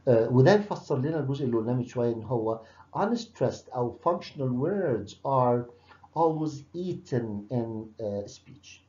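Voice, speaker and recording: A man's voice: mid-range voice, animated, measured pace, darkish tone. A man with an Egyptian Arabic accent, a university lecturer explaining step by step, asking the class rhetorical questions and hesitating with many uhs. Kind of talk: recorded lecture mixing Arabic and English. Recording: dull echoey lecture recording.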